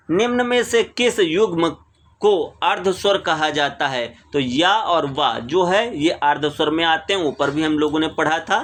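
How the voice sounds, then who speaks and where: A man's voice: fairly high pitch, a bit bright. A man teaching exam questions, reading each question, repeating it and explaining the answer. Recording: screen recording voice-over.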